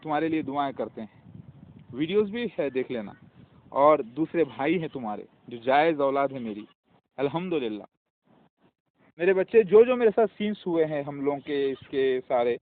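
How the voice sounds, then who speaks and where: Preachy man on a tinny line. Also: medium pitch. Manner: pleading, preachy, addresses listener as daughter; shouts at barking dogs, breaks off mid-phrase. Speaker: self-proclaimed religious claimant. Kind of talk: personal video message. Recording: phone-like lo-fi with faint noise.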